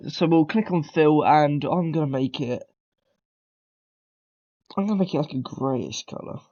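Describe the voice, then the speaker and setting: This tutorial maker's voice sits on the high side, warm and measured, though the recording's highs are cut off. He's got a cold, and his casual beginner coding walkthrough wanders, with frequent ums, throat clearing, and corrections of himself.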